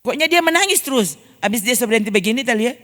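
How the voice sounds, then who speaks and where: A man with a high voice and a Manado Malay accent preaches a sermon. He is an animated storyteller who keeps calling out to the congregation. His voice rings with a long echo from the church hall. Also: rapid-fire. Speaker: pastor.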